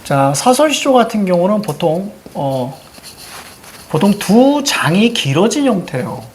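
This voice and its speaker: A teacher in mid-lecture, with a lively pitch that climbs and dips on every point. Poem lines come out in a sing-song chant, and each idea ends with a quick question to the students. Casual asides break up the explanations. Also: slight background noise. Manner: keeps checking in with short questions to students. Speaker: Korean literature teacher. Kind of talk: classroom lecture.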